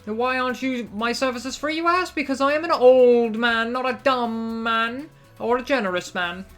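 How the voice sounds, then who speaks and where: A woman's voice: fairly high pitch, normal speed, fairly bright tone, faint music behind, voice pushed up, natural voice. Woman putting on a smug, greedy old architect. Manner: pompous, condescending old-timer drawl.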